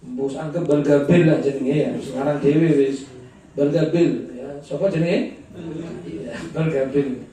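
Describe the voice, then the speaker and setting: A man's voice: fairly high pitch, fairly even intonation, a little slow, warm tone. A man with an East Javanese accent giving an informal religious lesson, chatty and humorous, acting out quarrels as he talks. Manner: chatty, mixes in regional phrases, acts out quarrels. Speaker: religious teacher. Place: gathering hall. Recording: echoey room, distant mic.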